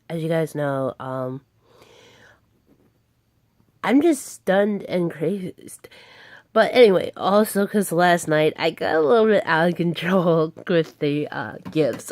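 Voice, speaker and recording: A young woman vlogger chats casually with her viewers in a phone video, her deep voice recorded with no echo. She rambles, filling the talk with lots of ums and stunned exclamations.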